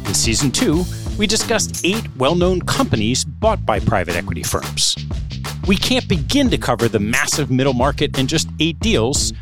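A man reads a scripted podcast introduction as its host. His voice is fairly high and swings widely in pitch, with music clearly playing underneath. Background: musical bed.

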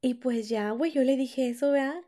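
A young woman with a Mexican accent hosts a podcast, telling a personal story in candid, slangy, profane casual chat and acting out quoted lines. Her voice is high and warm, at a moderate pace.

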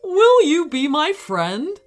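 A woman voicing a gentle, lonely young male stegosaurus in a storybook reading, with a wistful, pleading manner. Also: high-pitched, sing-song, slow, faint music behind, pitched above the performer's own voice, heavily acted. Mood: hopeful.

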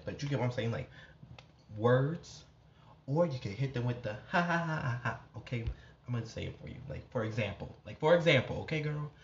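A young man hosting a casual podcast, talking in an animated, sassy way and laughing often. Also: mid-range voice, dull audio, slight background noise. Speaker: podcast host.

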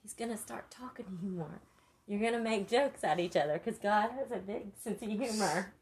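A woman, a mother talking with her son in a casual heart-to-heart chat, gentle, earnest and encouraging, speaking of faith. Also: mid-range voice, moderate pace.

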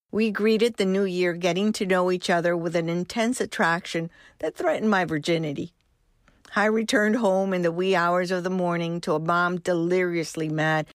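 A woman in her sixties from Cuba, hosting a podcast and reading her own memoir in a gentle, measured way. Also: on the low side, dry recording, clean studio sound. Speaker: host and storyteller.

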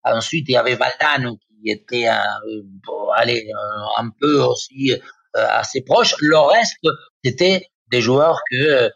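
A man's voice: mid-range voice, measured pace, gravelly, a bit bright, dry recording, dull audio. A man in his fifties from Argentina, Spanish-native with an Argentine accent, speaking as a guest pundit on football with many hesitations and restarts. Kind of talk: radio football talk.

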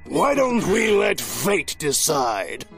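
An actor voicing a brash, crude barbarian warrior who talks bluntly and loudly. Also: male voice, fairly high pitch, huge pitch swings, takes it slowly, creaky, music in the background, full character voice. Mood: cocky. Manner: cocky, blunt and loud.

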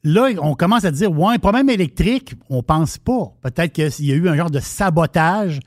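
A man's voice: fairly high pitch, expressive, moderate pace, no room sound, studio quality. A man with a Québécois French accent, co-hosting a radio show and telling a story in casual banter with many restarts.

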